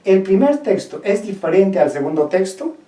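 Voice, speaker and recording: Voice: medium pitch, big pitch swings, normal speed, mellow. A teacher giving a language lesson, asking the class questions and repeating the key points. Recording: roomy echo.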